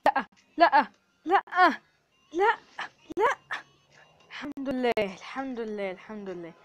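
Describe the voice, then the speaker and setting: A woman with an Egyptian accent giving excited commentary over her gameplay, full of exclamations and quick prayers. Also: high-pitched. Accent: Egyptian Arabic. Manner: excitable, frequent exclamations and prayers under pressure. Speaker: gamer.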